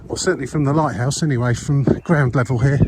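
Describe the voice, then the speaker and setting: A man's voice: mid-range voice, a little fast. Older man rambling on a windy coastal walk. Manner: rambling, chatty, many fillers and restarts. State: slightly breathless from walking. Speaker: walking vlogger. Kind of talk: casual walking commentary. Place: outdoors on a clifftop coastal path. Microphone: body-worn mic while walking. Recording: loud outdoor wind and traffic noise. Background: outdoor ambience and passing vehicles.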